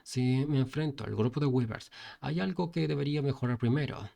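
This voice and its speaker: A man's voice: medium pitch, brisk, vocal fry, warm tone. Man, casual comic recap narration, loose repetitive linking, frequent restarts.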